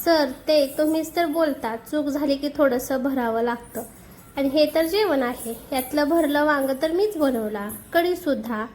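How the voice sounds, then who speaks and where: A woman's voice: high-pitched, moderate pace, a little mellow, a little hiss or hum, close to an everyday voice. A woman reading the lines of a shy, flustered young woman in an audiobook, sounding pleading and a little cross.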